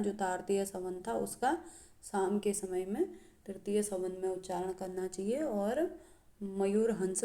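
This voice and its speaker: A woman teaching a lesson, reciting verses slowly and then explaining them with frequent pauses and fillers. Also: mid-range voice, mellow. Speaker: Sanskrit teacher.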